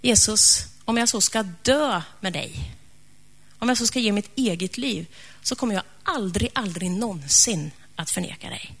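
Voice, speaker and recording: Woman playing an impulsive guy disciple, gravelly voice, earnest and jumpy. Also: medium pitch, expressive, a bit bright. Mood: solemn vow. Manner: earnest, then flustered denial. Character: impulsive adult male disciple, loyal then scared.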